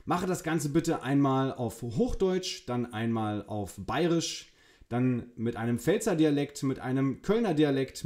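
A man's voice: mid-range voice, darkish tone. A man hosting a demo video, enthusiastically giving spoken commands and commenting on the results. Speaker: host. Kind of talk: tech demo presentation.

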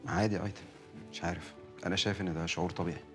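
A man's voice: deep voice, fairly even intonation, very fast, soft background music, close to an everyday voice. An actor playing an Egyptian man comforting a grieving woman in a TV drama. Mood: gentle. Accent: Egyptian Arabic. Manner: reassuring.

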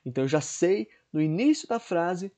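A man's voice: high voice, animated, moderate pace, warm tone. A man teaching an English grammar lesson to students online, explaining step by step and checking in often with "right?". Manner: explanatory, repeats checks like "certo?" and "né?"; clears throat now and then.

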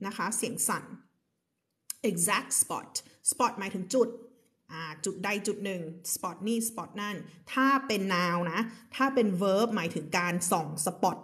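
A woman English teacher on a live stream, reading a story slowly and explaining it in chatty, laughing asides. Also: mid-range voice, fairly bright tone. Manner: reads English text slowly, explains in quick Thai; laughs often, chatty with viewers.

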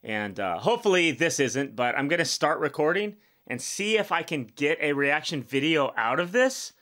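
A man's voice: a little high, animated, normal speed, bright, forceful tone. A man in his fifties hosting a reaction video, talking bluntly and rambling in a casual way with many fillers. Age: 50s.

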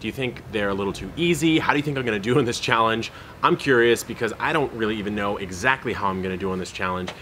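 A man's voice: fairly low pitch, fast talker, fairly bright tone. Chatty man touring his garden outdoors. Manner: chatty, upbeat, talks straight to camera. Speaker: gardening channel host. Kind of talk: casual garden tour vlog. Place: outdoor front and side yard garden by a street, then a garden shed. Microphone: handheld camera close to face. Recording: outdoor street noise audible.

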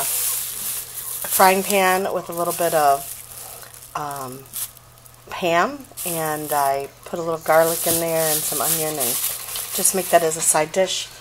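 A middle-aged woman with a slightly low voice chats casually through her weekly groceries, listing each item with ums and asides. She is recorded on a handheld phone in a home kitchen. Plastic bags crinkle clearly behind her. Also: slight background noise, poor audio. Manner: chatty, listing items with fillers. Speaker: vlogger. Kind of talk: casual grocery haul chat.

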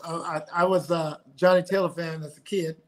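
In a casual video-call interview from a room at home, a middle-aged singer from South Carolina speaks earnestly, often repeating words as he sorts his thoughts. His slightly high voice is a bit bright, shows little pitch movement, and keeps a moderate pace.

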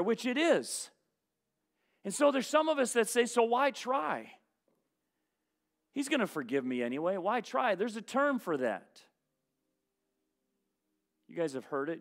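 A man preaching a sermon to his congregation as pastor. He asks rhetorical questions and swings between loud emphasis and hushed asides. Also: high-pitched. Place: church.

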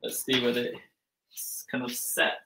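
Heavy background noise surrounds a man in his forties who speaks at medium pitch with a completely flat delivery and a measured pace. He presents a casual live cooking demonstration from his home kitchen, chatting as he works and thinking aloud full of fillers. A video call camera that moves around the kitchen records him.

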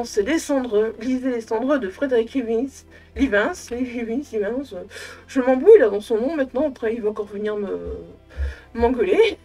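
A young woman giving a casual, effusive book review to camera at home, in a halting way that often repeats words. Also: on the high side, dark tone. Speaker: book vlogger. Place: small room at home with bookshelves.

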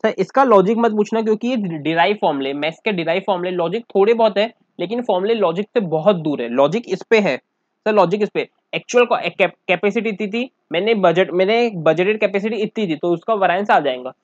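An animated commerce teacher with a high voice moves fairly quickly through a casual accounting lesson, doing sums aloud in Hindi and English. He keeps addressing the listener as "sir" and asking if they follow. The recording has no echo yet sounds dull, dry, and muffled.

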